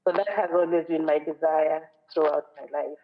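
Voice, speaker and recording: A woman's voice: low-pitched, fairly even intonation, moderate pace. A woman from western Kenya with a Kenyan accent, giving an earnest, reflective sermon as a guest speaker at a church. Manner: earnest, reflective, quotes scripture and song lyrics. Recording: phone-like narrow sound.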